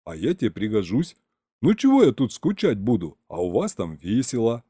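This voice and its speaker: Guy doing low gruff uncle, sighs a lot, kinda lonely. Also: huge pitch swings, moderate pace, mellow, dry recording, studio quality, full character voice. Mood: pleading. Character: gruff lonely older uncle, wants to come along.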